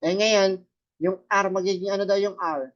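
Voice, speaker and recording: With a voice that sits high and fairly even intonation, a man at normal speed teaches a Japanese class about katakana. He goes step by step and often checks with students by posing rhetorical questions. The audio is dull.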